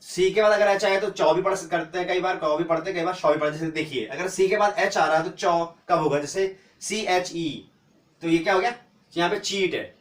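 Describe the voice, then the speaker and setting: A man teaching an English pronunciation lesson, spelling out letters slowly and asking and answering his own questions. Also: high voice, recorded from a distance. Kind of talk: classroom-style phonics lesson. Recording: echoey room, voice from off-mic.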